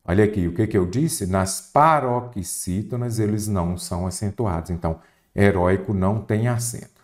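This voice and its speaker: A man with a Brazilian accent teaching a Portuguese spelling lesson for exam prep, lively and full of rhetorical questions he answers himself. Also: on the low side, normal speed. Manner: addresses the student directly.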